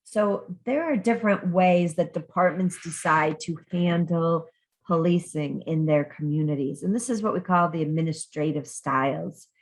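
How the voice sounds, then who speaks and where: A woman with a fairly low voice talks through a recorded online lecture. She asks her students a stream of questions and stops to restart her sentences, with ums along the way. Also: normal speed. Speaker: criminal justice instructor.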